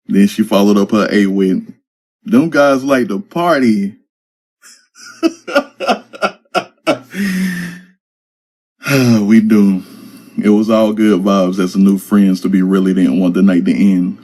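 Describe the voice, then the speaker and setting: A man's voice: fairly low pitch, mellow. A man reading his own fantasy story aloud in a casual, slangy storytelling manner. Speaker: narrator.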